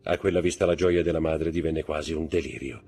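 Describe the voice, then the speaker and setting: A man narrating a classic novel aloud with steady, dramatic storytelling. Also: rumbling low, fairly quick, husky. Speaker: audiobook narrator. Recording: faint background music.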